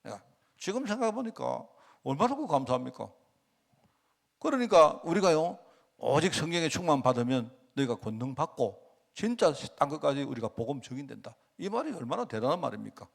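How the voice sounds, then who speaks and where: Middle-aged male pastor, animated sermon delivery, rhetorical questions, slightly high voice with wide swings. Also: brisk, gravelly. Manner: animated preaching with sudden loud and soft swings; asks the congregation rhetorical questions.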